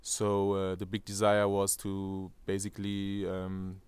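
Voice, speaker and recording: A deep, darkish voice, clear and resonant with no room sound, delivers everything completely flat and unhurried. The speaker is a German-accented man in his thirties from Germany, interviewed outdoors on a terrace above a valley, hesitating with frequent fillers and restarts.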